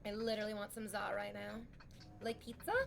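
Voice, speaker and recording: Chatting casually with her live chat, a streamer in her thirties rambles frankly, peppering everything with "like." Her voice is medium-pitched, monotone and creaky, a little fast, and a slight hiss or hum is audible.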